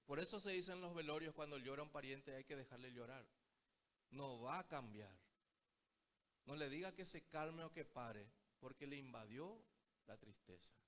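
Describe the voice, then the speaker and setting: A man's voice: medium pitch, moderate pace, a bit bright. A man preaching a Bible study sermon, telling stories and often calling his listeners brothers. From Paraguay. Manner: storytelling, keeps addressing the listeners as brothers.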